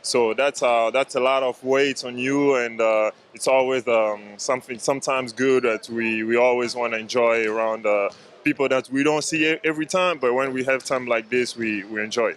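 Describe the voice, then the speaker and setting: A man's voice: medium pitch, fairly even intonation, a bit bright. Male basketball player, young adult, hesitant, filler-heavy answers. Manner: hesitant, halting, many fillers. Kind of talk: casual interview answers.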